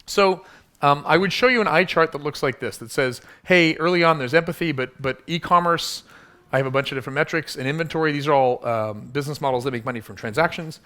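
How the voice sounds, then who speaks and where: A man's voice: fairly high pitch, fast, pushed and bright. A man giving a live workshop talk to an audience, punchy and teasing, quizzing the room with show-of-hands questions. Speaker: workshop speaker.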